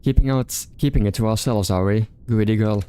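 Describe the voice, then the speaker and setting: A man's voice: on the low side, a little fast, mellow, slight background noise, close to an everyday voice. A man voicing a teasing female convict with a Russian accent, read aloud from a visual novel game. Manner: teasing, sly.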